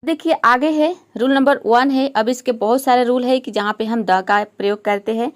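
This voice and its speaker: A woman's voice: fairly high pitch, moderate pace. A woman teaching English grammar step by step, patiently asking questions and answering them herself.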